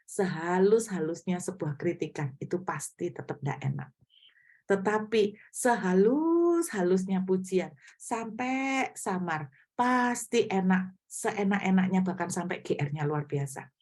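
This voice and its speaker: A woman's voice: lowish voice, a little mellow. A middle-aged woman pastor giving a conversational sermon, often asking the congregation questions.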